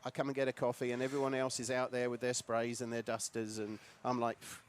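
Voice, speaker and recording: A man's voice: mid-range voice, monotone, fast. A man from southern England with an English accent, chatting casually as a guest in an interview. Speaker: guest, classic truck owner. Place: on location at a car show. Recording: noisy live event ambience. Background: clear ambient noise of the event.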